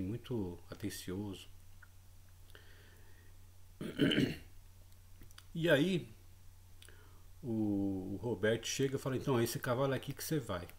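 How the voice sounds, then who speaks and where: A man telling a personal story in a casual spoken way, hesitant, repeating words and often adding tag questions. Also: lowish voice. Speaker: channel host.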